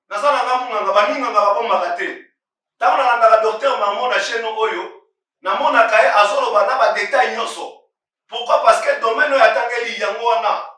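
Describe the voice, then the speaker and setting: Man, pastor, fervent sermon, emphatic and repetitive, high voice, distant mic, booming echo. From Congo. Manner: emphatic and repetitive, rising into shouts. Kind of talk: impassioned sermon on current events. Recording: very echoey room, voice far from mic.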